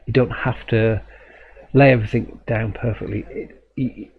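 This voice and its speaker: A man hosts a live drawing stream, demoing and chatting in a medium-pitched, steady voice at moderate pace, with vocal fry. He's thoughtful and a bit rambling, often correcting himself and chuckling. The stream audio is dull and lo-fi, with a faint hum.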